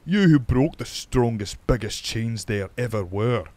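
A man voicing a mighty male thunder god who speaks loudly and jeeringly. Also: mid-range voice, lively intonation, measured pace, dry recording, voice pushed up, close to an everyday voice.

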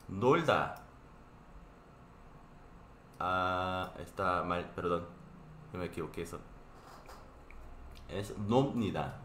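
Slow-speaking man with a Korean accent. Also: lowish voice, a bit bright, echoey room, a little hiss or hum. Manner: slow, patient explaining with frequent checks like "¿ok?". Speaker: Korean teacher. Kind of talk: live online language class.

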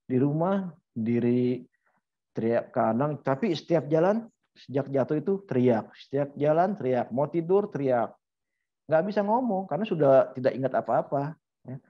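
A middle-aged man giving an informal medical lecture, talking through examples and asking rhetorical questions. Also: medium pitch. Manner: conversational, uses anecdotes and rhetorical questions. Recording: slightly dull lo-fi audio.

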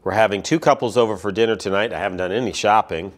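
A man voicing an exhausted young mother who rushes through a list of complaints in a sermon joke. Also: fairly low pitch, lightly acted. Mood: frazzled. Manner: stressed complaining rush.

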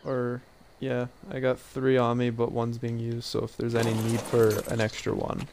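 A man chatting casually while playing a multiplayer game, excitable and directing the group. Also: medium pitch, moderate pace, vocal fry. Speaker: gamer. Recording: noisy game audio behind voice.

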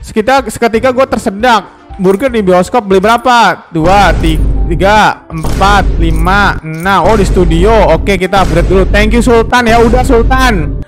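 High-voiced chatty Indonesian streamer man. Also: moderate pace, over music. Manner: chatty, repeats questions to chat, calls viewers guys. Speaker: game streamer. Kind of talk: casual live-stream chat reading donations.

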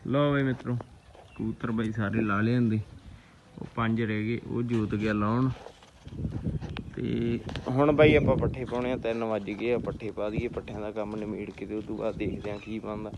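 A man's voice: on the low side, flat delivery, a little fast, muffled recording. A man with a Punjabi accent chatting casually to viewers in an informal, brotherly, rustic way as a farm vlogger. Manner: informal rustic talk, repeatedly greeting and addressing viewers as brothers. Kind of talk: casual chatty outdoor vlog, addressing viewers as friends. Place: outdoors on a farm. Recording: noisy outdoor rural ambience, birds and animals.

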